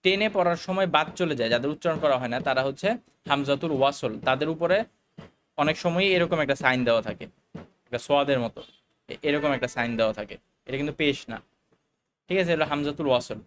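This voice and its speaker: A man teaching a recorded Arabic lesson, explaining the grammar slowly, with fillers and English words mixed in. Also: fairly high pitch, a bit bright, slight background noise.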